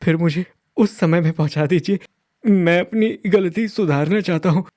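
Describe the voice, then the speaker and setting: A man voicing an eager, remorseful young village boy in a cartoon, talking high and excitedly. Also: moderate pace, close to an everyday voice. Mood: emotional. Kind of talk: cartoon voice acting.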